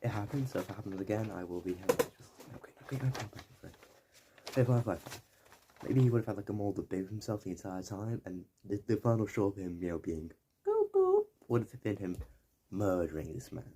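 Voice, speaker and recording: A young man talks through a video essay in loose, digressive commentary, stopping to correct himself and tossing in the odd swear word. His voice sits a little low and has a soft, mellow tone. A faint hiss of background noise runs under the recording. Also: fast. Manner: digressive, self-correcting, mildly profane. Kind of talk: rambling casual commentary.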